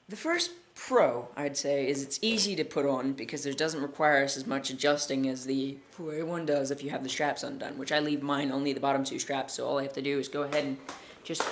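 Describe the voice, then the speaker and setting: A collector giving a casual product review, talking in a hesitant, self-correcting way. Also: mid-range voice. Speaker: gas mask collector and reviewer.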